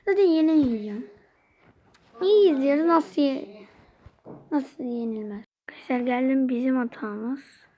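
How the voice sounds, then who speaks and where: A woman's voice: high-pitched, normal speed, long pauses, dark tone. A young woman with a Turkish accent commentating her mobile football game for her channel, chatty and easily frustrated, talking to her viewers throughout. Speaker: gaming channel host.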